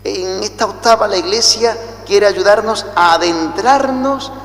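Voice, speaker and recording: A priest from Spain with a Spanish accent, chanting the liturgy and then preaching a slow, deliberate homily, heard with a cathedral echo. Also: male voice, high voice, a bit bright. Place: large church. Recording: echoey church with long reverb.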